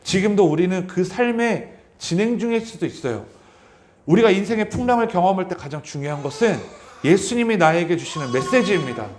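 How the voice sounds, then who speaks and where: A man's voice: high voice, expressive, brisk. A man preaching a Sunday sermon as pastor, reading scripture aloud and speaking earnestly and directly to his congregation, repeating key phrases. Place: church sanctuary. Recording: roomy church echo.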